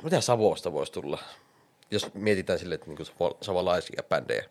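A man co-hosting a casual podcast chat, dry and blunt, swearing casually. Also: sits low.

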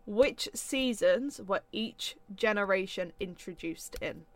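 A woman's voice: mid-range voice, expressive, slow pace. A woman co-hosting a casual chat podcast, chatty and trailing off with ums, sometimes sounding sarcastic without meaning to. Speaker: podcast co-host.

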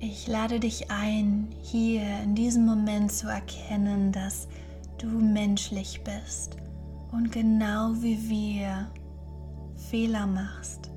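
Woman softly leading meditation, dark mellow voice. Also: mid-range voice, flat delivery, soft background music. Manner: soothing, unhurried, gentle instructing. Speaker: podcast host and guided meditation leader.

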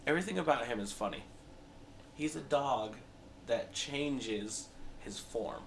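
A man's voice: medium pitch, expressive, measured pace, gravelly, a little hiss or hum. A young man hosting a casual podcast chat, teasing his guests and arguing his points. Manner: teasing, argumentative. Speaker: podcast host.

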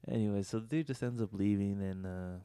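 A man's voice: on the low side, a little fast, mellow, clean tone, no echo, studio quality. A man chatting casually as a podcast co-host, rambling in slangy, profane talk peppered with "you know". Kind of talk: casual chat.

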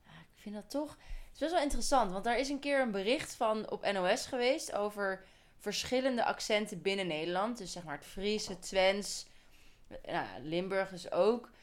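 A woman's voice: medium pitch, moderate pace. Young woman co-host, chatty and explanatory. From Holland, Netherlands. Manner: explanatory, thinks aloud, goes on tangents. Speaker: podcast co-host. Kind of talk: casual chat.

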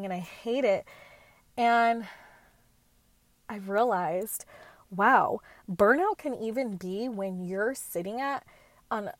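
A woman's voice: mid-range voice, dry recording. A woman in her late twenties hosting a podcast, talking on her own in a chatty, earnest way with slangy asides. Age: late 20s. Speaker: podcast host. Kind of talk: casual solo talk.

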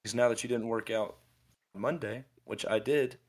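A man in his twenties co-hosts a laid-back podcast, speaking at medium pitch and a normal speed. He rambles and rants through motivational advice, often restarting and correcting himself.

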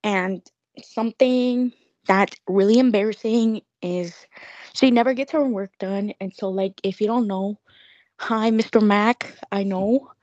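A woman's voice: medium pitch, measured pace, a little mellow, dry recording. A young woman chatting casually to an audience in an ironic, slang-heavy Gen Z manner. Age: young adult. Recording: slightly dull lo-fi close recording.

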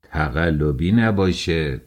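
A man's voice: a bass voice, animated. A man doing a sly, mocking old friend. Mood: suspicious. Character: sly, doubting male friend Akbar Agha.

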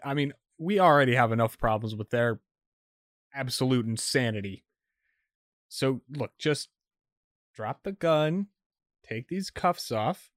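A man's voice: medium pitch, animated, a little slow, pauses often, fairly bright tone, no echo, clean studio sound. A man playing a veteran city cop who stammers nervously and tries to talk his way out of trouble. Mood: coaxing. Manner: stammering, nervous then coaxing. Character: veteran male city cop, cuffed, fast-talking, wheedling.

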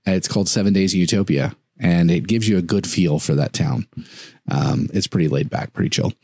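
A man, a podcast co-host, telling stories in casual chat, animated and laughing often. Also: low voice, fairly quick, creaky, dry recording, studio quality.

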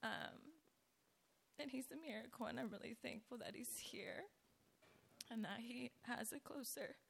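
A woman with a raspy voice giving a personal church testimony, speaking hesitantly with pauses. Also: fairly high pitch, a bit bright, slight background noise.

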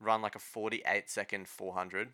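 A man's voice: on the low side, level tone, normal speed, sharp tone. A man with an Australian accent chatting casually about sport as a podcast co-host, in laid-back, colloquial phrasing.

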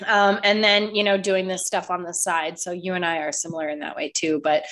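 A woman with a fairly low, slightly bright voice hosts a podcast, talking a little fast with little pitch movement. A bit congested and nasal, she coughs slightly and keeps things chatty, with frequent swearing and plenty of "like".

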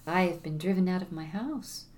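A woman's voice: fairly low pitch, normal speed, a little mellow, a little hiss or hum, lightly acted. A woman voicing a young mother driven from home, speaking in a pleading, emotional way. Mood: desperate, pleading. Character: desperate one-handed young mother, pleading.

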